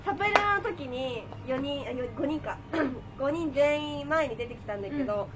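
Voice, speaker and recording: A woman's voice: sits high, expressive, moderate pace. A young woman, an idol group member, chatting casually, teasing and laughing often. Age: young adult. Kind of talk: casual chat. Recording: clear background noise.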